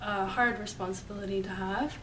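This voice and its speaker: Female interviewee, earnest and halting; distant mic, noticeable room noise. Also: medium pitch, steady tone. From Canada's East Coast. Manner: earnest, with many fillers. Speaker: student and dancer interviewee. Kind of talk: interview answers.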